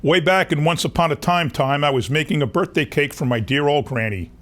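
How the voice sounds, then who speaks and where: A man's voice: fairly high pitch, a little fast, a bit bright, natural voice. A man reading a children's picture book aloud as a wolf who insists he was wronged, in a folksy, confiding way. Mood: mock innocent. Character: wronged, self-excusing male wolf telling his story. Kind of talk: children's storybook narration.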